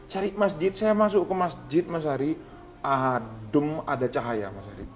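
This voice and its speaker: A man who is an Islamic preacher, giving an earnest spiritual testimony in an interview, pleading and moving between hushed and raised speech. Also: a little high, moderate pace, a little hiss or hum.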